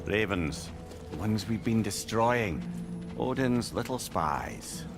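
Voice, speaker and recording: A man's voice: on the low side, animated, takes it slowly. Dry, wry male companion, game music underneath.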